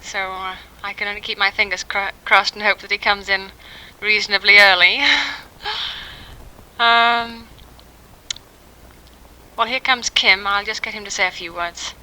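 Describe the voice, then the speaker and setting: This low-quality 1960s home tape captures an English mother in her thirties sending a spoken letter to family from her quiet home. She pauses often with ums in a casual, unsure way, her medium-pitched voice fairly even in intonation, pushed and bright, with a clear, resonant tone.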